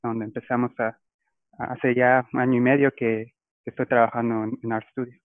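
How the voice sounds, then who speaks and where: A man's voice: mid-range voice, flat delivery, moderate pace, no echo. Man on a tinny line. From Guatemala. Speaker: guest, data scientist. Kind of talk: casual interview. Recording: tinny phone-like line, dry.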